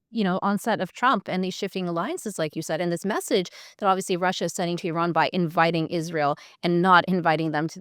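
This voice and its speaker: A woman hosting a podcast interview asks questions in an easy, conversational way, often rephrasing mid-question. Her voice sits at a middle pitch, recorded dry. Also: dry recording. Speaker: podcast host.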